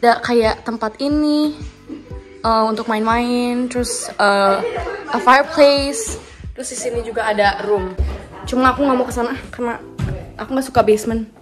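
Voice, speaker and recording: A young woman from Indonesia chatting excitedly on a handheld phone vlog, switching between Indonesian and English. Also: a little high, fairly quick, soft background music, poor audio. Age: young adult. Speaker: vlogger. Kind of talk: casual vlog chat. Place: rental house, backyard porch, car and store. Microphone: handheld phone camera.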